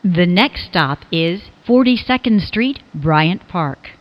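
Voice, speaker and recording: A woman announces train stops from a script in clipped, pieced-together phrases. Her pace is very slow and her pitch a little low. The sound is dull and lo-fi. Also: expressive. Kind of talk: scripted automated transit announcement.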